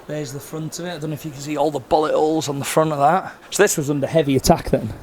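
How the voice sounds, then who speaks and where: A man's voice: fairly high pitch, steady tone, quick pace, darkish tone, a little hiss or hum. A Welsh man filming a casual travel vlog outdoors, asking curious questions as he walks. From Wales. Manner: chatty, curious, asks lots of questions. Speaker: travel vlogger. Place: outdoors in a war-damaged city.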